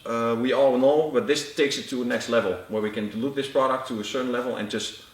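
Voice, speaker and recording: Man, product expert, halting technical explainer, off-mic in an echoey room. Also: medium pitch, steady tone, distant mic. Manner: halting, with frequent uh fillers. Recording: roomy echo, off-mic.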